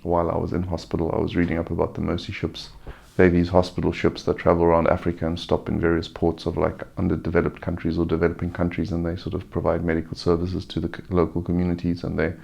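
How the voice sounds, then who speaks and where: Subdued, gravelly man, weary after surgery. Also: low-pitched, monotone, quick pace, few pauses, darkish tone. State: recovering from surgery with a sore throat. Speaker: vlogger giving a recovery update. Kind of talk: casual personal update, unscripted.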